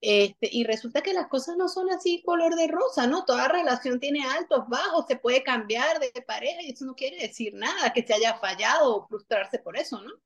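A woman's voice: sits high, animated, normal speed, few pauses, lo-fi sound. A woman in her forties co-hosting a casual chat, rambling and restarting her sentences.

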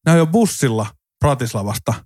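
A man chatting casually in a podcast, telling lively fan stories with sudden jumps in pitch, mimicking people and swearing now and then. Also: no room sound, studio quality. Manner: animated, swears, mimics others in anecdotes. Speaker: podcast co-host. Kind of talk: casual storytelling chat.

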